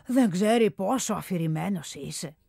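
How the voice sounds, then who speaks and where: A woman's voice: fairly low pitch, animated, vocal fry, dark tone, slightly rough, no room sound, clean studio sound, full character voice. A woman voicing a teasing old male philosopher asking questions in a storybook reading.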